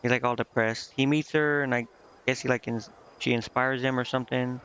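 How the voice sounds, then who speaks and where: On a dull lo-fi mic with noticeable background noise, a man gives casual, rambling game stream commentary that is hesitant and vague, reading dialogue aloud as he goes. His mid-range voice is steady, brisk, and a bit bright.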